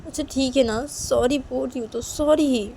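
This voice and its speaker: A woman's voice: high-pitched, fast, vocal fry, dark tone, a little hiss or hum, voice pushed up. A woman voicing Reshma, a meek young woman who keeps apologising and pleading. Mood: pleading apologetic.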